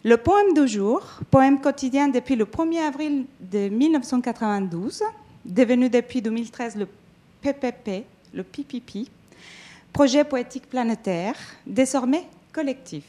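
A woman's voice: sits high, moderate pace, dark tone. Hesitant woman from Mexico. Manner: hesitant, many fillers and restarts. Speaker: event organizer. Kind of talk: event introduction speech.

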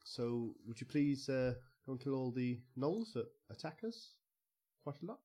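A man's voice: mid-range voice, animated, moderate pace, mellow, natural voice. A man voicing a nervous chief in a skull hat, stammering, polite, awkward, storyteller in a tabletop game.

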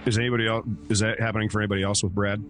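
A man's voice: lowish voice, flat delivery, rapid-fire, fairly bright tone. A man chatting casually as a player in a tabletop game.

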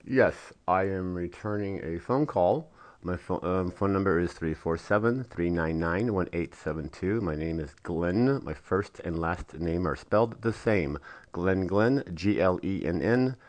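Deep-voiced man leaving a slow voicemail. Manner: slow, careful, deliberate spelling out. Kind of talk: voicemail message.

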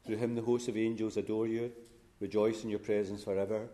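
A man's voice: lowish voice, level tone, a little fast, mellow. A man speaking as a priest, reciting the prayers of a funeral Mass in a solemn, formal manner in a church.

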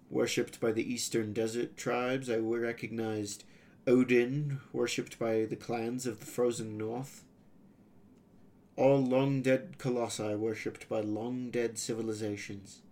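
Male narrator for a fantasy serial; steady, even first-person storytelling. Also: mid-range voice.

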